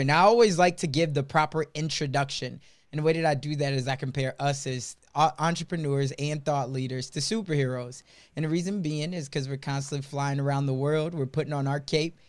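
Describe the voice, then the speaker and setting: A man hosts a podcast, and his voice sits a little on the high side. He delivers his introduction in a measured, deliberate way. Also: fairly even intonation. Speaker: podcast host. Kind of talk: scripted-sounding interview introduction.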